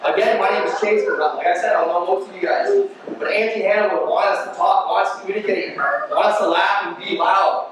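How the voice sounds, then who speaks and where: A man's voice: high voice, steady tone, fairly quick, fairly bright tone. A young man speaking casually and bluntly at a family memorial, swearing freely. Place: church. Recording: echoey hall from far off with noise.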